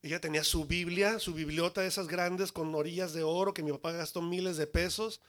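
A man, a church worship leader, telling his personal conversion testimony in an animated way with humorous asides. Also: a little high, a little fast.

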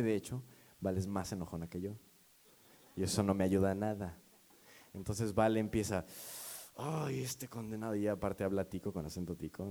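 A man's voice: low voice, mellow. A man preaching a sermon as a pastor, talking to the congregation in a conversational, storytelling way.

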